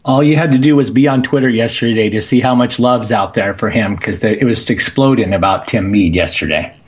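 A middle-aged man calls in to a radio talk show, his voice muffled and lo-fi. He speaks earnestly and haltingly, restarting sentences again and again. His pitch sits in an ordinary middle range. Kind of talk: casual radio call-in chat.

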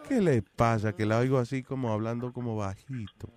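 A man's voice: medium pitch, fairly even intonation, a little fast, darkish tone. A man hosting a radio show, teasing and joking with callers and mixing in English phrases. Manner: teasing, jokey, mixes in English. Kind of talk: playful radio banter. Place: radio studio.

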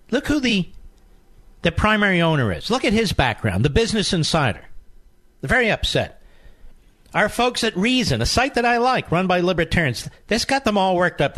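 A man's voice: high voice, fairly bright tone. Indignant male talk radio host. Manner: indignant, sarcastic, mocking opponents. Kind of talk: combative talk radio monologue.

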